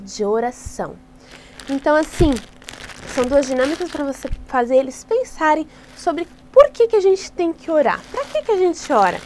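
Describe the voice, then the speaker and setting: A woman's voice: sits high, a little mellow, slight background noise. A Brazilian woman training Sunday school teachers in a chatty, explanatory way, often restarting and adding tag questions. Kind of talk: informal teaching tutorial.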